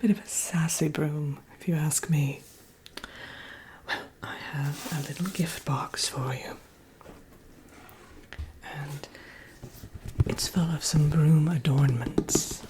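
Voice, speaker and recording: A woman voicing a vain, sassy witch in a breathy, unhurried ASMR whisper, coy and condescendingly friendly. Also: sits low, fairly even intonation, background noise. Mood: chatty, confiding. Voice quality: breathy, soft-spoken whisper. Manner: unhurried, coy, self-admiring, calls listener dearie.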